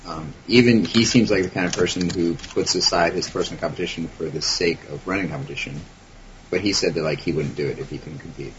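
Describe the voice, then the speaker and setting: A man talking slowly and hesitantly in a casual group call, with many ums. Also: deep voice, slight background noise. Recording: dull lo-fi online call audio.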